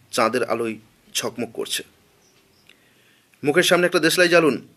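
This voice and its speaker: A man narrating a translated literary story in a measured, slow reading voice. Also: mid-range voice, fairly bright tone.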